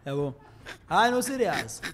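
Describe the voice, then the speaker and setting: A man of thirty talking casually as a podcast guest, animated and switching between English and Zulu, on a desk mic in a dark studio. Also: on the high side, a little slow. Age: 30s. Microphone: desk mic on boom arm.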